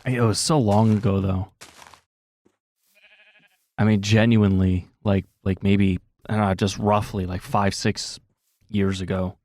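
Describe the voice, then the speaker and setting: A man's voice: fairly low pitch, little pitch movement, measured pace, pauses often, darkish tone, no room sound. A man giving casual, rambling gameplay commentary, full of fillers and self-corrections, with a slightly sore throat. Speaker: gaming commentator.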